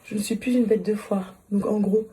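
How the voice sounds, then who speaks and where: A woman's voice: medium pitch, fairly even intonation, moderate pace, dark tone. Tired woman vlogging from home. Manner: chatty, addresses viewers fondly, trails off with fillers. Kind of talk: casual chat to camera.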